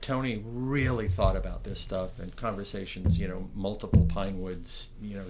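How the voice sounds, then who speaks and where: In this noisy recording, a lowish-voiced, middle-aged Ontario man reminisces for an oral history interview about his time as a barker for morris dancing. His loud, projecting delivery wanders, with frequent fillers and false starts.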